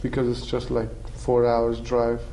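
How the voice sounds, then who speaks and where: Brief: young man from Afghanistan, very dark tone, halting panel-guest answers, faint noise behind. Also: medium pitch, monotone, poor audio. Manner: halting, searching for words.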